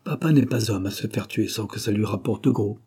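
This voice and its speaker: A man reading aloud who voices a bitter, ambitious young provincial man with a sharp, sneering edge, raised higher and louder than his narration. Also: fairly quick, husky. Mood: petulant, scornful.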